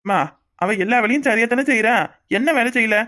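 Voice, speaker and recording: A woman's voice: on the high side, fairly quick, fairly bright tone, voice pushed down, lightly acted. A woman voicing a grown son in a cartoon, reasoning between his mother and wife with a Kanyakumari Tamil accent.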